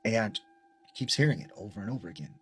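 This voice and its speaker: Low-voiced man telling a scary story. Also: quick pace, slightly rough. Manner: relaxed, rambling with many "like" fillers, dropping low and quiet for tense moments. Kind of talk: casual retelling of a scary story.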